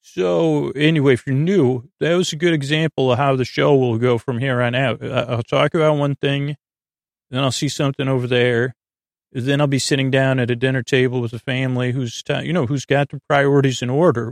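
Brisk and steady in tone, a gravelly, creaky-voiced man with a mid-range pitch hosts an improvised bedtime podcast. His monologue meanders through digressions and breaks off mid-word to start again, all captured close and dry with no echo.

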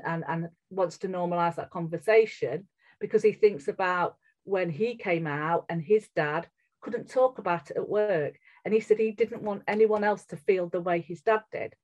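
Appearing as a podcast interview guest, a middle-aged Englishwoman with a strong northern accent talks earnestly and candidly, with frequent restarts. Her fairly low voice is slightly mellow and moderately paced. The recording sounds muffled and lo-fi.

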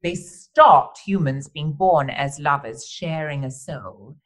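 A man's voice: fairly high pitch, takes it slowly, fairly bright tone. A man hosting a podcast interview, theatrical and wordy, fond of elaborate vocabulary and calling guests darling. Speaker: podcast host. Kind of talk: interview chat.

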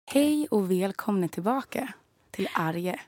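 A woman's voice: mid-range voice, animated, background noise. A woman from Gotland co-hosting a podcast in casual chat, dropping English phrases into her talk. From Gotland, Sweden. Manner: mixes English phrases into Swedish, candid. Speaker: podcast co-host.

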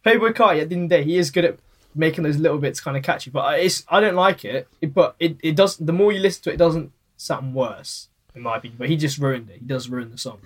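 A man, reviewing an album in casual podcast chat, talking quickly with lots of restarts. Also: on the high side. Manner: rapid, animated, full of restarts.

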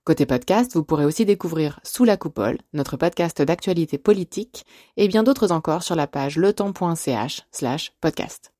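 A woman hosting a podcast, reading a measured scripted intro and asking interview questions. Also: sits low, animated, dark tone, no room sound, studio quality. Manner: clear, measured, announcer-like delivery.

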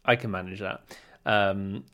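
A man's voice: low-pitched, fairly even intonation, a little slow, a bit bright. A young man co-hosting a podcast, chatting casually in a wry, teasing, rambling way. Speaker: podcast co-host. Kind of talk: casual chat.

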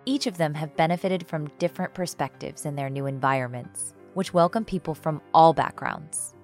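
A woman's voice: low-pitched, normal speed, soft background music. A woman narrating a scripted documentary voice-over with a polished delivery.

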